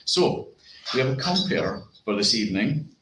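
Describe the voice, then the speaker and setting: A man's voice: mid-range voice, very animated, normal speed, a bit bright. A man with a Scottish accent giving a welcoming introduction as host of a live event. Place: indoor bar venue. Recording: echoey room with noise.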